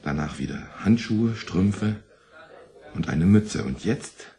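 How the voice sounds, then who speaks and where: A rambling, haunted man in a radio play, talks on and on about the voice that forbids him things. His voice sits low but swings widely in pitch as he boasts and then turns defensive. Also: lively intonation, slow, mellow, exaggerated voice. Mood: boastful. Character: troubled man who hears a forbidding voice.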